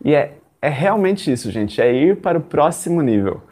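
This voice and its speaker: A man's voice: fairly high pitch, big pitch swings, moderate pace, darkish tone. A young Brazilian man teaching English in casual chat, talking straight to his listeners and acting out his own past thoughts.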